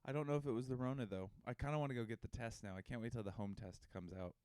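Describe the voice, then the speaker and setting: A man's voice: medium pitch, very fast, darkish tone, clean tone, dry recording. Rambling, joking male podcast co-host, dry close sound. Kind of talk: casual comedic podcast banter.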